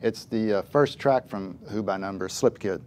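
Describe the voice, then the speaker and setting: A man's voice: on the low side, normal speed, darkish tone, slight background noise. A man co-hosting a casual music chat as a music writer, giving opinions in a dry, wry way.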